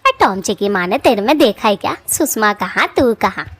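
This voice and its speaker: A woman voicing a scornful elder sister in a cartoon story, speaking in a slow, mocking drawl. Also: medium pitch, expressive, a bit bright, slightly rough. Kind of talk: cartoon voice acting.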